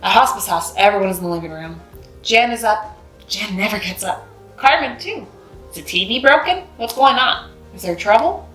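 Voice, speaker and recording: A woman with a mid-range, slightly bright voice reads a children's picture book aloud at a moderate pace, narrating expressively and acting out the characters' dialogue. Soft music plays behind her in a roomy, echoing space.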